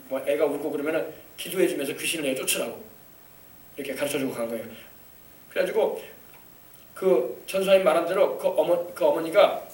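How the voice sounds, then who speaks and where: A male pastor preaching a sermon as a story, acting out the people in it and breaking into loud hallelujahs. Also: a little high. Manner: storytelling, acting out quoted voices, rising to shouts of hallelujah. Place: church sanctuary. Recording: echoey church hall, mic at a distance.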